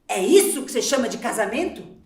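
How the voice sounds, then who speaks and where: An actress playing an overworked, exasperated housewife on a theater stage, swinging from hushed pleading to shrill outbursts. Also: female voice, sing-song, fast talker, roomy sound. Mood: indignant. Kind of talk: live stage theater acting.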